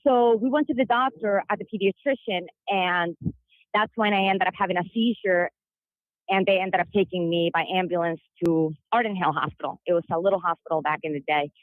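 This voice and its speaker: A woman's voice: fairly low pitch, a little fast, no echo, low-quality recording. A woman from Chile, a guest on a podcast, telling her personal story earnestly with some fillers. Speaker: interview guest.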